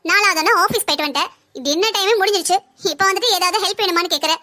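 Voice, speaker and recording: A woman voicing a bossy, sharp-tongued older sister-in-law who taunts and scolds in a cartoon family story. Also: very high-pitched, rapid-fire. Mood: scolding.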